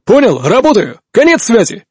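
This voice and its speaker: A man voicing a cheerful, brisk tank commander who speaks over a field radio in a bright, almost announcer-like way. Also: very high voice, wildly swooping pitch, husky, no room sound, clean studio sound, voice pushed up, full character voice. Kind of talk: audiobook reading.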